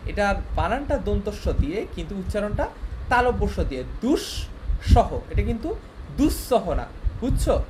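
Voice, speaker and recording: Young man, teacher, online lecture, step-by-step explanations, noisy recording with clicks. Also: very high voice. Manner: explains step by step, often checking with listeners.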